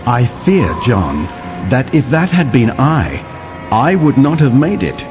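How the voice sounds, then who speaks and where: Over loud music, a male settler storyteller with a mid-range voice animatedly recounts a winter adventure to John. It's dramatic children's story narration, vivid and full of dramatic pauses, with an awed, dramatic mood.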